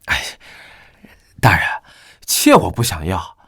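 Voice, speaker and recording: An actor playing a bold young hunter hero who talks back with cocky, mocking retorts. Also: male voice, low-pitched, huge pitch swings, takes it slowly, creaky, fairly bright tone, slightly rough, exaggerated voice. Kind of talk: short-drama acting.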